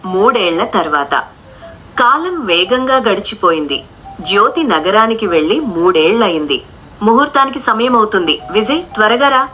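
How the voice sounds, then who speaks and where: A woman narrating a scripted family drama in a steady storytelling manner. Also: medium pitch, normal speed.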